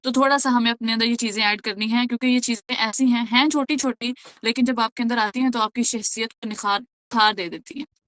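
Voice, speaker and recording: High-voiced woman giving an earnest religious lecture. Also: steady tone, a bit bright, no echo. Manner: earnest, asks rhetorical questions, checks with "okay?". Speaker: Quran teacher.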